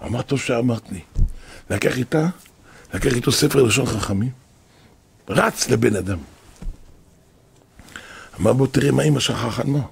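In this storytelling sermon, a male rabbi with a husky, medium-pitched voice and vocal fry pauses at length. He drives points home by repeating phrases and performs the quoted speech of the people in his tales.

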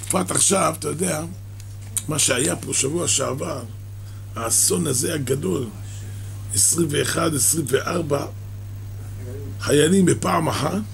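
A man giving a sermon that explains a midrash, halting and restarting his words and coughing now and then. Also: fairly high pitch, creaky, slight background noise. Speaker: religious teacher.

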